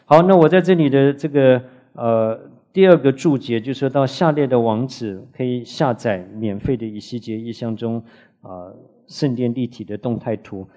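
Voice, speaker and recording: Man, Bible teacher, classroom lecture, earnest, asks the class questions, mid-pitched voice. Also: moderate pace, mellow. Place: classroom with students.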